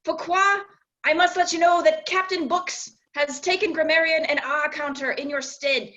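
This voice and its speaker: A woman's voice: high voice, steady tone, normal speed, pushed and bright. A woman playfully mixing pirate talk into plain speech at a club meeting, over dull lo-fi video call audio.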